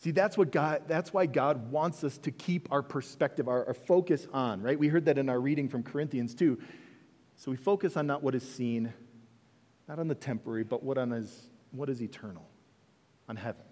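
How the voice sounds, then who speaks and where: A man's voice: medium pitch, moderate pace, in a large hall. A male pastor preaching a sermon in a church, conversational and full of rhetorical questions. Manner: conversational preaching, rhetorical questions, dips soft then rises.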